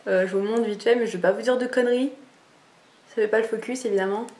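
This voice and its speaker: A woman's voice: a little high, fairly even intonation, quick pace, a little mellow, a little hiss or hum. A young woman talks to her camera about books in a chatty, enthusiastic way, often restarting her sentences. She sits at home, recorded on a camera mic. The room is noticeably echoey. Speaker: book vlogger. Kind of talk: casual chat to camera.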